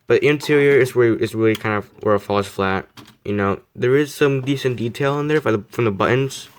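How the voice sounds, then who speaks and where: A man's voice: mid-range voice, a little fast. A young man casually reviewing a model car, rambling, repeating himself and poking fun at himself. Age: young adult. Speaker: die-cast model reviewer.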